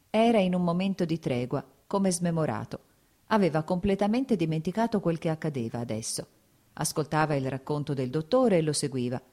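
A woman narrating a novel in a measured reading voice, dropping to hushed tones in tense passages. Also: low voice. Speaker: audiobook narrator. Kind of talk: scripted literary narration.

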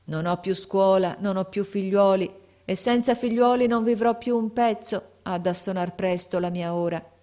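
A woman's voice: mid-range voice, moderate pace, mellow, close to an everyday voice. A woman voicing an old retired male schoolteacher, speaking with sorrow and tenderness in a storybook reading. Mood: sorrowful. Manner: sorrowful, pleading.

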